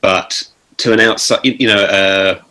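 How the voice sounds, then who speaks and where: Low-voiced guy on a video call panel, thinks out loud, lots of ums and restarts. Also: steady tone. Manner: thoughtful, halting, many pauses and restarts. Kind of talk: online panel discussion.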